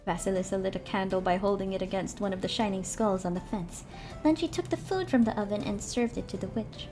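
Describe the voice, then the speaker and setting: A woman reads a fairy tale aloud in a gentle, mid-pitched voice, pausing for chatty asides to her viewers. Faint music plays behind her. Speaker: streamer reading a book aloud. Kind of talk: storybook narration with casual chat.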